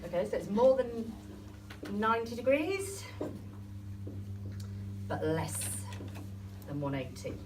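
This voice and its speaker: A woman's voice: mid-range voice, big pitch swings, slow pace, pauses often. A woman teacher leading a classroom lesson, asking students questions and encouraging their answers. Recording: distant classroom recording with noise.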